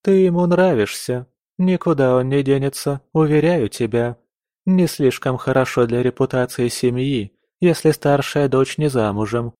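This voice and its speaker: A man's voice: mid-range voice, moderate pace, dark tone, no echo, clean studio sound, lightly acted. A man voicing a noble mother who soothes her daughters but lays down the law firmly. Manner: soothing yet firm and commanding. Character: stern, fussy noble mother of two daughters.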